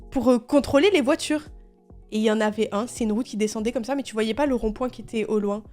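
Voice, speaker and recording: High-voiced young woman ranting. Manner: animated, swearing, laughing often, exasperated. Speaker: streamer. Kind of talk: casual storytelling while gaming.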